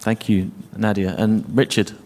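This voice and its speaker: A man's voice: on the low side, little pitch movement, measured pace, a little mellow, slight background noise. A man moderating a conference panel, introducing guests in a friendly way with frequent fillers.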